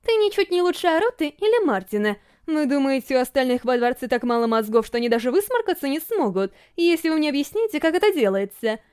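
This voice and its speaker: A woman voicing a stubborn, sharp-tongued young princess, scolding and indignant in an audiobook reading. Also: high voice, sing-song, fast, few pauses. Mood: angry.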